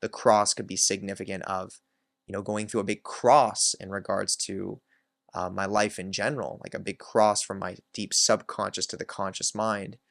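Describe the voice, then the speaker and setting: Candid low-voiced man telling a story. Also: vocal fry, a bit bright, dry recording. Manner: candid and reflective, with many "like" fillers. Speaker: self-help channel host. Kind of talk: personal storytelling monologue.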